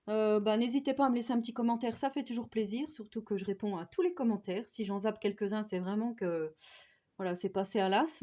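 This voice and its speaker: A woman's voice: fairly high pitch, mellow. Chatty woman with a Franche-Comté accent. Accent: Franche-Comté French. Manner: chatty, with frequent "euh" and "hein" tags. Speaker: crafting YouTuber. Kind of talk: casual haul vlog.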